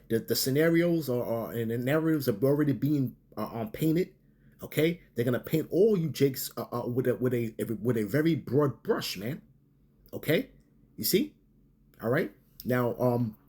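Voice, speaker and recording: A man teaching his religious group in a sermon-style talk, halting and full of fillers, often tagging lines with okay and man. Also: mid-range voice, darkish tone, slightly rough.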